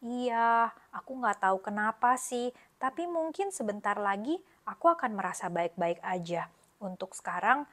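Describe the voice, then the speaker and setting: A woman's voice: on the high side, expressive, normal speed, close to an everyday voice. A woman voicing a grumpy young monkey in a children's storybook, speaking in a subdued, sulky, unsure way.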